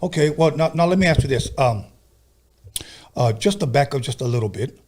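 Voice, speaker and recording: Male interview host, husky, laid-back storyteller who slips into Spanish. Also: mid-range voice, animated, brisk, a little mellow. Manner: storytelling, drops Spanish words. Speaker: podcast host. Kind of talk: casual interview chat.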